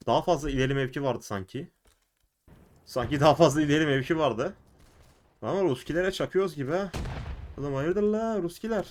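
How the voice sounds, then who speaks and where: A young man with a Turkish accent giving casual commentary as he plays an online game, shouting in fights and muttering between them. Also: a little high, a little hiss or hum. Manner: excitable, shouts and laughs during fights, mutters to himself between. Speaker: gaming YouTuber.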